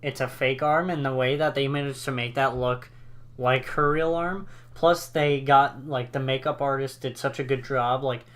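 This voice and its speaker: Male podcast co-host, mid-pitched, rambling and enthusiastic, casual chat. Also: steady tone, normal speed, a bit bright. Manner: rambling, filler-heavy, enthusiastic. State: hiccups.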